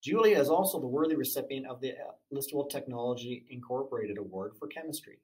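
A man's voice: medium pitch, fast, low-quality recording. A man formally reading out a list of school awards and their criteria. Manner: formal, even reading with small stumbles. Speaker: awards presenter.

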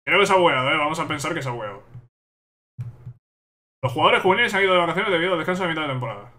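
A young man commentates live on his football management game. He gets exasperated and repeats the same questions over and over. His voice is bright and tense and sits a little high. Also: expressive, very fast. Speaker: gaming YouTuber.

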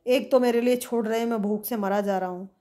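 A woman's voice: on the high side, steady tone, quick pace, dark tone, lightly acted. A woman voicing Koko, a hungry young boy who gets flustered and anxious, in a storybook reading.

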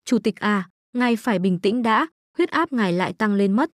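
A woman's voice: medium pitch, lively intonation, moderate pace, no room sound, clean studio sound, lightly acted. A woman voicing a kind older housekeeper aunt who soothes and fusses. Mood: anxious. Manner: soothing and fussing.

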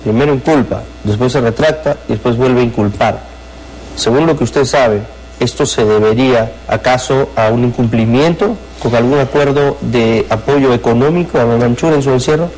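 A man, hosting a morning news show and firing brisk, pressing follow-up questions at a guest in a TV studio. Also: medium pitch, darkish tone, a little hiss or hum, rough recording. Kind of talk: television interview. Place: television studio.

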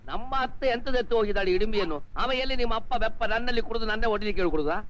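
A fussy comic uncle. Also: male voice, sits high, racing, slight background noise. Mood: indignant. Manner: pleading, fussy and chattering. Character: comic meddling uncle, fond of his niece. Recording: dull film soundtrack with loud music.

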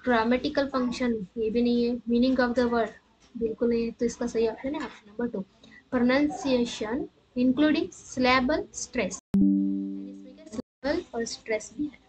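A woman teacher going through an exam answer key. She reads the English options slowly and explains them rapidly in between. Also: on the high side, steady tone, a little mellow, rough recording.

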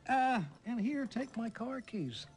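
An actor playing a prissy, passive-aggressively polite doctor in a TV comedy-drama, speaking in a formal, pointed way. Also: male voice, very high-pitched, expressive, takes it slowly, soft background music, full character voice. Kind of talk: naturalistic TV comedy-drama acting.

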